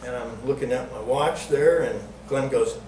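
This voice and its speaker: A man's voice: mid-range voice, moderate pace, a little mellow. An older man telling chatty, jokey stories to a live audience at a museum talk, raising his voice when he acts out what others said. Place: museum event room. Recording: echoey room, distant mic, noisy background.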